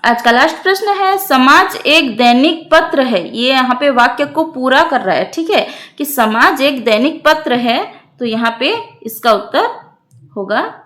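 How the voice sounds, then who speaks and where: Brief: female teacher, Odia accent, high voice, patient step-by-step grammar explanations. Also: animated, a bit bright. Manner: patient, checks in often with "ठीक है"; reads example sentences slowly. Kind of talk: explaining grammar homework answers.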